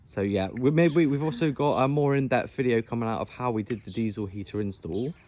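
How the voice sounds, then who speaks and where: A man's voice: mid-range voice, fairly quick, a little mellow. A man hosting a do-it-yourself build video, explaining the work in an informal, casual way. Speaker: DIY bus conversion video host.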